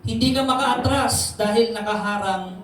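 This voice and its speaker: A man's voice: high voice, normal speed, fairly bright tone. A man preaching a sermon as pastor, talking conversationally and often asking the congregation questions. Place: church hall. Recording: very echoey hall, distant mic, faint noise.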